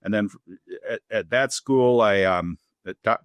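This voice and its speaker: Midwest superintendent guy in his 50s w a minnesota accent, chatty, restarts a lot, low voice. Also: a little slow, no room sound. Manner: easygoing and joking, with frequent restarts. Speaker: school superintendent, guest. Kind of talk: casual interview chat.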